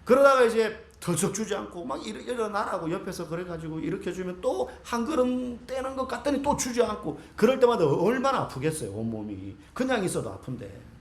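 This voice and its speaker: Lively high-voiced pastor preaching. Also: male voice, brisk, reverberant. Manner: storytelling, addresses the congregation directly. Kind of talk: sermon. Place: church sanctuary.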